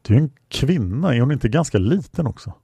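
A man's voice: mid-range voice, very animated, gravelly, dark tone, breathy edge, no room sound, pitched above the performer's own voice, full character voice. A man voicing a naive young girl at a feast, with a bubbly, chattering manner. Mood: doubtful. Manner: bubbly, wide-eyed, chattering.

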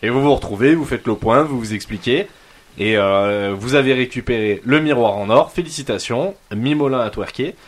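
A man's voice: mid-range voice, normal speed. A man narrating as game master of a tabletop role-playing game, in a casual, joking way.

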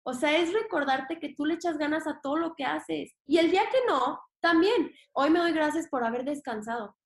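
A woman's voice: high-pitched, normal speed. A young woman with a Mexican accent, a podcast guest talking casually and emphatically, with slang and the odd swear word. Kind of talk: casual interview talk. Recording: roomy echo.

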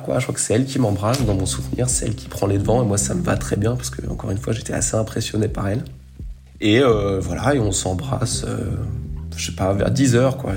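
A young man telling a personal story in a casual, rambling way, full of fillers and slang. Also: lowish voice. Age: young adult.

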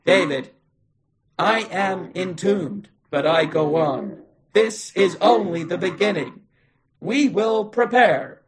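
A man voicing a scheming male AI robot in a low, flat, computer-like delivery. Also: takes it slowly. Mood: grandiose. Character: menacing male AI robot voice plotting an uprising.

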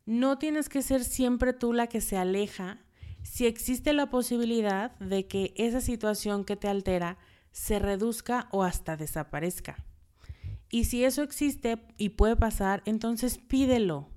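A woman's voice: a little high, unhurried, mellow, clear, resonant tone. A woman with a Mexican accent hosting a podcast, giving direct, conversational advice as a list of numbered tips. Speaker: podcast host.

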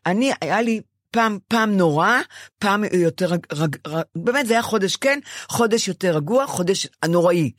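An older woman in casual chat, telling a personal story with lively swings and acting out her own words. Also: medium pitch, dry recording, clean studio sound. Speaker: podcast co-host.

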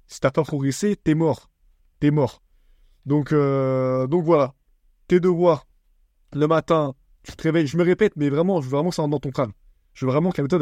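Young french guy podcasting, bit high voice, blunt and slangy, dry close mic. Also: a little mellow, dry recording. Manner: blunt, slangy, teasing, addresses listener as bro. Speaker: podcast host. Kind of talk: casual solo podcast advice.

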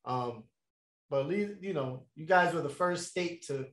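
A young man spins a rambling story in a relaxed, slangy way, laughing between lines. His voice sits a little high for a man. The room around him is echoey. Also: a little slow. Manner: laid-back, laughing, slangy, many fillers. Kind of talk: casual storytelling chat.

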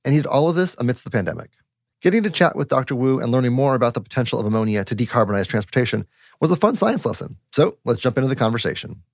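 Lively, fast-talking male podcast host. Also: medium pitch. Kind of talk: podcast interview.

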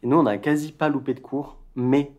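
A man co-hosting a casual podcast, his voice at an ordinary middle pitch. He asks questions playfully and teases his guest. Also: steady tone, a little fast, darkish tone, dull audio. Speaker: podcast co-host.

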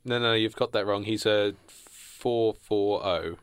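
A man's voice: fairly low pitch, slow pace, clean tone, dry recording. Wry male co-host, dry close sound. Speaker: podcast co-host. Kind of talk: casual chat.

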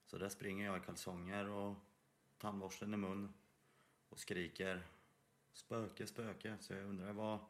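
A man's voice: deep voice, flat delivery. A man co-hosting a podcast, telling a ghost story in hesitant casual chat. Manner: hesitant, with fillers and restarts. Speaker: podcast co-host.

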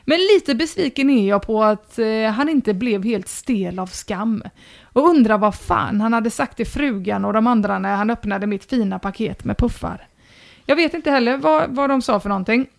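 A woman's voice: on the high side, lively intonation, creaky. A woman hosting a casual chat, dryly reading forum posts aloud and acting out the quoted lines with amusement. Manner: dry, amused, acts out quoted dialogue; mock-solemn when reading aloud.

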